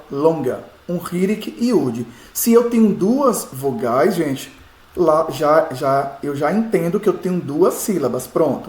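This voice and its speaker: A man's voice: a little high, a little mellow. A man, a pastor teaching biblical Hebrew, explaining step by step and often checking that his listeners follow. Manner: patient, explains step by step, asks rhetorical checks. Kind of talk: classroom-style lesson. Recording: echoey room.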